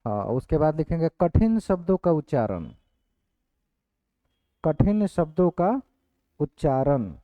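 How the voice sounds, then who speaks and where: A male teacher giving an online exam-prep class, dictating points slowly and repeating each one. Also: on the high side, sing-song, no room sound. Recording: dry, phone-like lo-fi audio.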